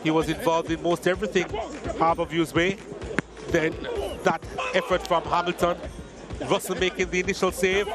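A man giving measured football commentary over match highlights, reading lineups and stats. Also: flat delivery, loud music behind the voice.

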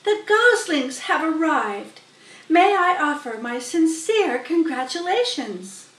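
A woman reader plays a gracious lady spider from a storybook. She is high-pitched and ceremonious, proclaiming each phrase grandly. The sound is roomy, from a distant webcam mic. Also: very animated, takes it slowly, a bit bright, heavily acted. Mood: proud, ceremonious. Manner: grand, elaborate, declamatory. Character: formal, gracious female spider making a proud announcement.

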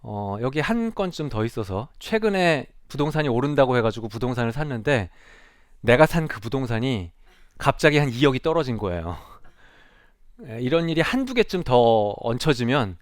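Man giving an animated stage talk. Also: medium pitch, normal speed, no echo, studio quality. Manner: storytelling, acts out quoted speech in a raised voice; addresses the audience directly with questions. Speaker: psychiatrist giving a lecture. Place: lecture stage before an audience.

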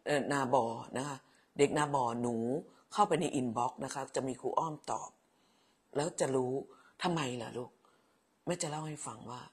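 ผู้หญิงวัยกลางคน อดีตครู คุยไลฟ์สดอ่านคอมเมนต์ผู้ชม พูดแบบแม่ๆ ชอบแซว พูดซ้ำคำ. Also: female voice, rumbling low, moderate pace, husky. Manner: chatty, motherly, teasing, repeats words. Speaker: livestream host, former teacher. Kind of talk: casual live chat reading viewer comments.

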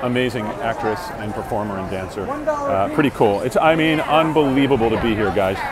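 A man's voice: medium pitch, big pitch swings, brisk, loud music behind the voice. A man in his forties, an actor, chatting casually to viewers on a live phone stream as he walks a street fair, upbeat and full of fillers. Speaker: Broadway actor vlogging live. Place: crowded city street outdoors. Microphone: earbud headset mic on phone held at arm's length. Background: street crowd.

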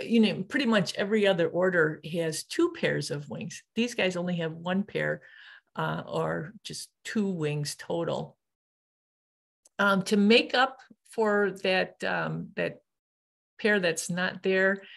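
A woman's voice: on the low side, vocal fry. A woman hosting a nature show, talking casually over her slides with plenty of ums and restarts. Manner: relaxed, many ums and restarts.

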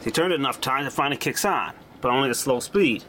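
Animated and quick, his mid-range voice has a bit of brightness while he shows a vintage machine and fixes it by hand. He's a hobbyist giving blunt, salty, offhand commentary. Expect noisy amateur camera sound and mechanical hum.

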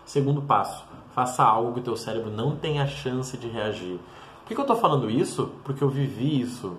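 A man's voice: medium pitch, lively intonation, fairly quick, fairly bright tone, a little hiss or hum. A man talking bluntly and emphatically straight to the viewer in a motivational monologue. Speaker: mentor and vlogger. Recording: roomy echoey room.

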